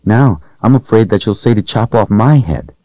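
A timid little girl, played by a man in a storybook reading, speaking softly with a wistful, fearful voice. The voice sits well above the reader's own deep register. The recording is dry and a little dull. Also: lively intonation, normal speed, dry recording, lightly acted.

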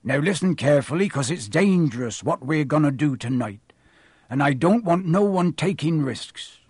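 A man voicing a gruff, fierce but big-hearted gamekeeper in an audiobook, with blunt, rustic, growling speech. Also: fairly high pitch, expressive, normal speed, a little mellow, dry recording. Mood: cautioning.

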